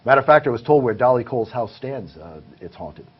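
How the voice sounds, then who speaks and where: This paranormal investigator talks fast in a husky, medium-pitched voice with lively intonation. As a guest in a relaxed interview, he recounts what he found in earnest detail, heard through a muffled recording with light hiss.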